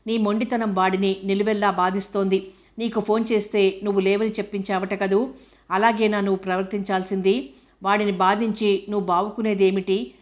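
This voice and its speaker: A woman's voice: mid-range voice, lightly acted. A woman reading out a reproachful letter from an older widowed mother to her daughter-in-law, in her own plain narrating voice. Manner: reproachful, pleading.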